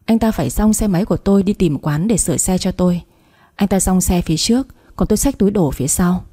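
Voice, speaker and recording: Warm, husky woman telling a story. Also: on the low side, fast talker. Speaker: narrator. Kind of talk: first-person story narration.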